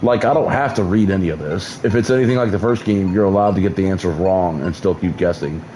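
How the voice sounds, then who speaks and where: Over a low-quality recording with a little hiss or hum, a man talks fast in a low, warm voice while streaming a game. His gameplay chat is casual and rambling, full of restarts and offhand swearing, and he sounds like he is losing his voice, his mouth numb.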